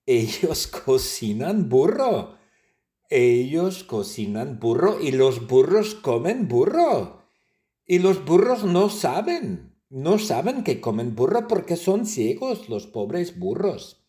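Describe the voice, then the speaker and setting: Slow, lively man telling a simple story. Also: fairly high pitch. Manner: simple repetitive phrasing, playful. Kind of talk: slow storytelling for language learners.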